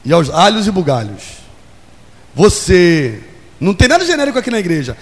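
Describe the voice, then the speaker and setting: High-voiced preacher in a reverberant hall. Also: male voice, very animated, moderate pace. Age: 40s. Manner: call-and-response preaching, acting out scenes in quoted voices. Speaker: pastor. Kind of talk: sermon. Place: church hall.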